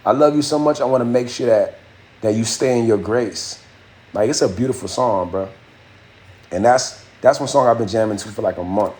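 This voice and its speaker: With a mid-range, slightly mellow voice at ordinary speed, a young rapper from a Haitian family hosts a relaxed live stream. He talks slangily with the audience and responds to comments, and when he raps his verse the delivery rises and locks into a rhythm.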